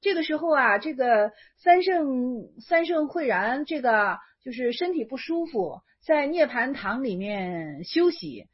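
A woman's voice: high voice, lively intonation, measured pace, hardly any pauses, husky, lo-fi sound. A woman explaining an old Chan koan in a casual lecture, thinking aloud and correcting herself as she goes. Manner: thinking aloud, self-correcting, many fillers.

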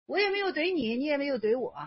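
A woman's voice: sits high, animated, very fast. A woman giving a chatty, casual spoken lecture on Zen Buddhist stories, repeating herself with lots of fillers. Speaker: Buddhist teacher. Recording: dull lo-fi recording.

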